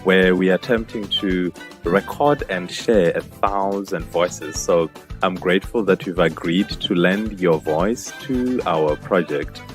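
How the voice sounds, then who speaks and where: A man hosts an interview podcast from a studio, his voice sitting very low. He questions his guest in a measured, courteous way, with soft music faintly behind. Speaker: podcast host.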